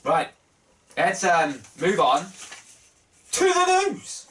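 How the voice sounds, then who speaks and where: A man in his thirties hosting a casual wrestling news show to camera, upbeat and chatty, with big jumps in pitch for emphasis. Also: huge pitch swings, very slow, fairly bright tone. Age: 30s. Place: small wood-panelled room full of wrestling posters. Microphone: webcam close up, then wide desk camera.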